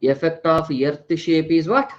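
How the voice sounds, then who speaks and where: Speaking at a measured pace in a voice on the high side, this male teacher with an Indian accent delivers a live online class. He keeps repeating phrases, checks in with tag questions like "right" and "na," and blends Hindi into his English, all through dull-sounding audio.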